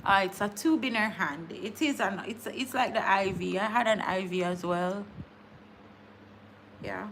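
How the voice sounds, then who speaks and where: A woman's voice: medium pitch, measured pace, a bit bright, a little hiss or hum. A woman, hosting a casual live stream, chatting with viewers, laughing often and repeating words as she talks. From Jamaica. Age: 30s. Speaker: livestream host.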